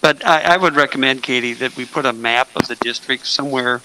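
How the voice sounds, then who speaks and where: A man's voice: mid-range voice, fairly quick, sharp tone, clear, resonant tone, rough recording. A man on a school board who gives practical advice in a matter-of-fact way during a casual meeting.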